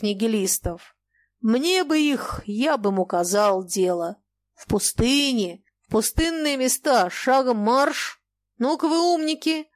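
Brief: a woman putting on a sly, bad-tempered old merchant, raised and biting, storybook reading. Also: no room sound. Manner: scolding, sarcastic, turning shrill when enraged. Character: cantankerous old merchant man, sly, quick to rage.

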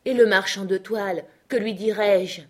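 Une femme lisant une sœur âgée, grondeuse. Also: female voice, mid-range voice, fairly even intonation, normal speed, close to an everyday voice. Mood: reproachful. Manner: fussing, reproachful. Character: scolding, practical older sister, a woman.

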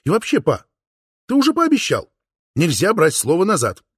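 A man's voice: high voice, huge pitch swings, moderate pace, slightly rough, no echo, clean studio sound, pitched above the performer's own voice, full character voice. A man voicing a teenage girl, lifting his voice into a pleading, insistent tone. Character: teenage girl, tearful then bold.

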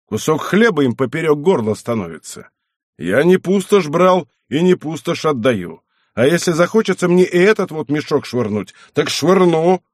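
A man reading an audiobook, voicing a hot-tempered, domineering old abbot who blusters and shouts. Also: medium pitch, expressive, dry recording, studio quality, natural voice. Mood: furious. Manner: blustering, shouting, quick to anger.

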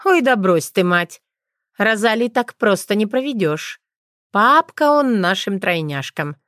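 A woman's voice: medium pitch, expressive, measured pace, fairly bright tone, no echo, studio quality, voice pushed up. A woman voicing a brash, cheeky young witch with a folksy, teasing manner in an audiobook. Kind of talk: audiobook character voice.

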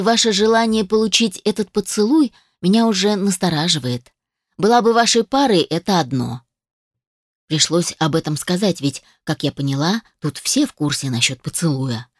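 Woman narrator, first-person audiobook, sardonic and brisk, dry close mic. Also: on the low side, expressive, dry recording.

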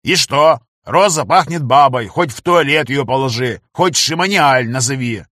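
A man voicing a panicky, excitable young male ship technician who yells in a high voice. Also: normal speed, no echo, studio quality, natural voice. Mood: indignant. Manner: excitable, shrill yelling.

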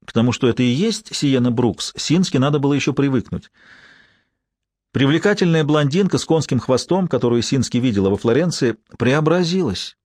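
Man in measured audiobook narration. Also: medium pitch, expressive, darkish tone, no room sound, studio quality. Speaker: audiobook reader. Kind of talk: scripted narration.

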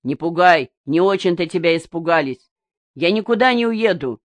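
A woman's voice: fairly low pitch, animated, normal speed, no room sound, lightly acted. Defiant hunter, read by a woman: stubborn, insistent, dry close sound. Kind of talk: audiobook character reading.

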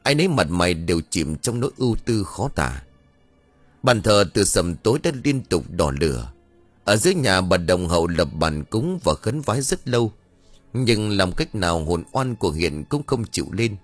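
Low-voiced male narrator for a ghost story, dramatic and animated. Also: moderate pace, no echo, soft background music.

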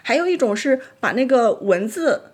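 A woman's voice: fairly high pitch, animated, normal speed, darkish tone, husky. A woman guest on a casual podcast, a design tool founder who explains things thoughtfully, step by step. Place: North America.

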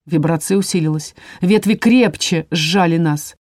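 Mellow-voiced woman reading fiction. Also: on the low side, a little slow, dry recording, clean studio sound. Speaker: audiobook narrator. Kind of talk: first-person fantasy narration.

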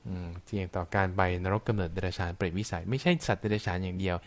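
A Buddhist monk is a guest on a radio talk show. He explains teachings in a relaxed, conversational way, reaching for plain everyday examples. He turns to the host now and then with gentle asides. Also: low-pitched, rapid-fire.

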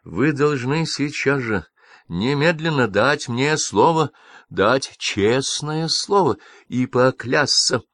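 A man reading an audiobook, voicing a stern older gentleman who speaks slowly and deliberately. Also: medium pitch, lively intonation, dry recording, voice pushed up. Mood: firm. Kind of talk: audiobook character voice.

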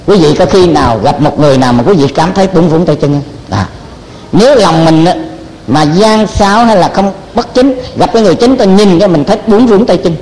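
An older man, a Buddhist monk teacher telling stories in a sermon, animated and repeating words as he acts out what people said. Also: high-pitched, fast. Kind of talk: storytelling sermon. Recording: long hall reverb.

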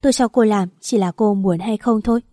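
A woman reading the lines of an arrogant, scornful married man in an audio story, in a warm, dry voice. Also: mid-range voice, brisk, dry recording, natural voice. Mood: contemptuous. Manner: scornful, insulting. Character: arrogant wealthy married man, cold and cutting.

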